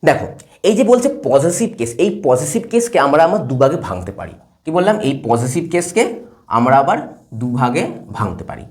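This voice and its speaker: A man's voice: mid-range voice, normal speed. A man teaching English grammar at a whiteboard, explaining step by step and checking again and again that his students follow. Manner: lively, asks checking questions again and again. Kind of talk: classroom lesson at a whiteboard.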